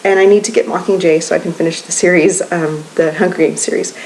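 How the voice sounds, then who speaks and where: A woman's voice: on the low side, fairly even intonation, quick pace, a little mellow, a little hiss or hum, poor audio. A young woman beauty vlogger chatting casually at home, gushing and rambling with many ums. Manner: gushing and enthusiastic. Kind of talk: casual beauty monthly favorites vlog. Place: at home with children nearby.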